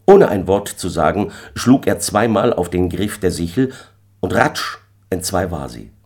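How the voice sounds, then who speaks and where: A man narrating an old-fashioned tale in an expressive storytelling manner. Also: low voice, moderate pace, slightly rough. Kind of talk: storybook reading.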